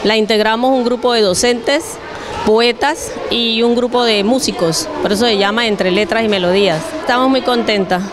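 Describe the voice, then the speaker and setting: A woman in her fifties with a Colombian accent, a teacher giving a news interview in short, measured phrases. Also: a little high, fairly even intonation. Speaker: teacher and festival organizer. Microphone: handheld reporter microphone. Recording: noisy on-location interview.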